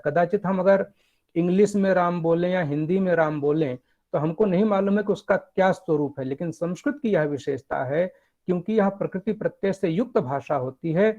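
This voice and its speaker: A man's voice: a little high, darkish tone. Muffled man giving a lecture. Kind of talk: academic lecture.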